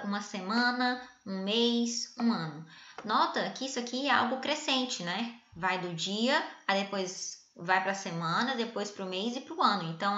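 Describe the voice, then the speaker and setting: A woman's voice: fairly high pitch, bright, forceful tone. A woman teacher explaining grammar in a chatty, playful way, often checking in with her listeners. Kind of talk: grammar lesson. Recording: echoey room, dull lo-fi sound.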